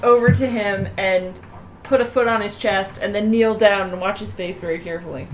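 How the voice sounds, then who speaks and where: A woman playing a tabletop game, lively and playful in character. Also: mid-range voice, moderate pace, slight background noise, rough recording. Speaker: player. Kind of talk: casual tabletop role-play.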